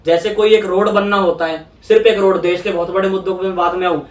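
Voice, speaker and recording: Brief: young male politician, higher voice, earnest explainer, mic at a distance. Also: flat delivery, fast talker. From India. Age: young adult. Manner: earnest, explanatory, repeats phrases for emphasis. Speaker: politician guest. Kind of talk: conversational interview. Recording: echoey room, voice away from mic.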